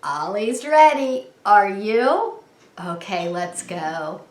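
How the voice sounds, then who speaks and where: A woman with a medium-pitched, very animated voice leads a preschool story time, speaking slowly in a sing-song way and asking young children simple questions. The sound is roomy and echoey.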